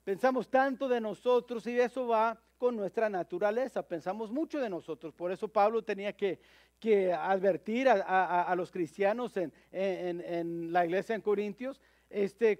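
High-voiced man preaching a sermon. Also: darkish tone, no room sound. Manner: halting, with frequent repeated words and fillers.

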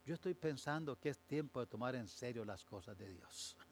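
A male pastor preaching a sermon, moving from measured explanation to slow, emphatic, fervent declarations. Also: medium pitch, lively intonation, a little hiss or hum.

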